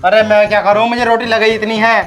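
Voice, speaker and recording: Woman voicing a gruff old farmer father-in-law, rough grumbling, slightly high voice. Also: level tone, brisk, faint music behind, close to an everyday voice. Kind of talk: rustic comedy skit.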